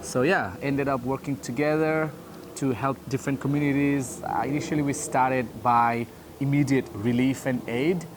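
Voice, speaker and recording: A man's voice: mid-range voice, steady tone. Guy, middle voice, lots of uhs, noisy recording behind him. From Nepal. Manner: halting, uh fillers. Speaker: pastor trainer. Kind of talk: casual storytelling. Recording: noisy background.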